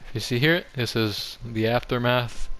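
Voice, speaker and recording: A young adult man, a gaming video host, rambles through a casual, offhand game tour commentary in a self-deprecating way. His voice is mid-range and a bit bright, at a moderate pace, with background music playing behind him.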